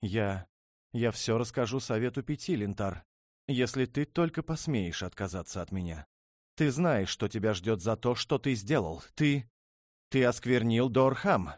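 A man voicing a proud, hot-tempered young dragon princess in an audiobook, with loud, shrill outbursts. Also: expressive, unhurried, dry recording, studio quality. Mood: furious. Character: haughty, furious young dragon princess, female.

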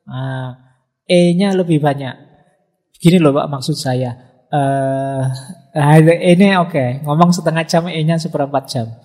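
A man giving a relaxed religious lecture, chatty and humorous, often acting out students' remarks. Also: on the high side. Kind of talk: relaxed study-circle lecture. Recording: long hall reverb.

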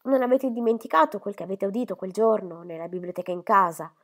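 A woman voicing a pale, ailing young man who speaks quietly and slowly as he confides. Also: mid-range voice, natural voice. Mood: confiding. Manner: quiet, slow, subdued.

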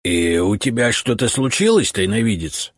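A man's voice: lowish voice, very animated, moderate pace, voice pushed up. A man voicing a sardonic house spirit with a dry, offhand manner.

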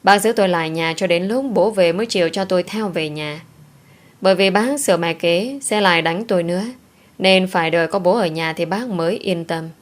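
Narrator: woman, lowish pitch, steady measured storytelling. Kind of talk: first-person story narration.

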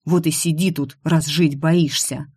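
Lowered to sound like a woman playing a gruff young man, he scolds bluntly with a stubborn, grumbling edge. The reading is dry and close to the mic, with a fairly low voice for a woman. This is a storybook figure in a read-aloud fantasy tale. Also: measured pace, darkish tone, no room sound. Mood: furious. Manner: brusque, scolding.

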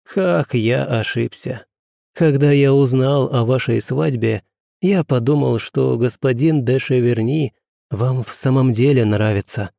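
A man reading the part of a gallant gentleman who speaks softly and sweetly, with coaxing tenderness and a touch of sad irony. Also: mid-range voice, a little slow, no echo, studio quality, natural voice. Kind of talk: audiobook character reading.

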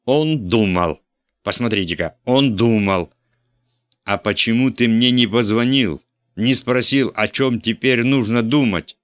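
A man's voice: on the low side, normal speed, pushed and bright, no echo. A man reading an audiobook, voicing an irate, domineering older bishop who bellows and scolds. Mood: furious. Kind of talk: audiobook character voice.

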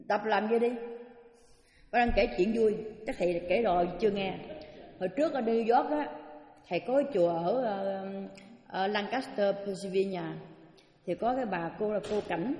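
Southern Vietnamese woman teaching in echoing hall. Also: on the high side. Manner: lively storyteller, questions the audience. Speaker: Buddhist teacher. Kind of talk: dharma talk with anecdotes. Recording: echoey hall with long reverb.

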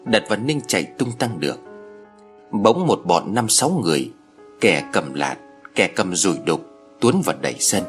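A man narrating stories aloud in a measured, expressive way. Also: sits low. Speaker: story narrator. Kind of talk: scripted audiobook narration.

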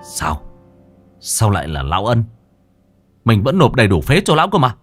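A man's voice: fairly low pitch, huge pitch swings, moderate pace, faint music behind. A man voicing a loyal, hot-headed young gang boss in an audio horror story, who hisses in anger and cries out in grief. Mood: alarmed.

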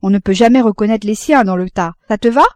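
A woman voicing a boisterous old father who exclaims loudly, in an audiobook reading. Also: mid-range voice, fast talker, no room sound, lightly acted. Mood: hearty. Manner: loud, exclaiming.

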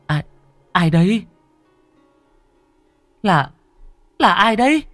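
A man's voice: high voice, very animated, drawn-out words, fairly bright tone, no echo, clean studio sound, soft background music, voice pushed up, exaggerated voice. A man voicing a frightened young woman who stammers and cries out in desperation.

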